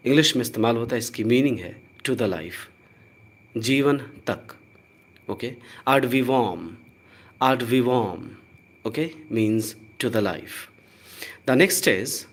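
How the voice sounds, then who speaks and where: A man with an Indian accent teaching a live online pronunciation lesson, spelling out letters and repeating each word with care. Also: mid-range voice. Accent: Indian English. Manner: slow, deliberate, spells out letters and repeats words. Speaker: English teacher.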